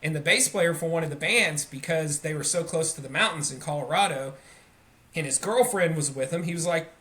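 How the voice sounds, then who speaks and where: A man's voice: on the high side, a little fast, sharp tone. A man hosting a podcast, rambling through a story with many fillers. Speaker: podcast host. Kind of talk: casual interview chat.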